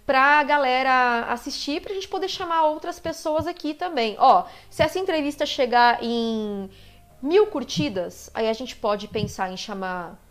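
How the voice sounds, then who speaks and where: Jovem brasileira animada apresentando entrevista. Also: female voice, high voice, lively intonation, measured pace. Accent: Brazilian Portuguese. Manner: enthusiastic, gushing, laughs often. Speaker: interview host. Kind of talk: casual live-stream interview.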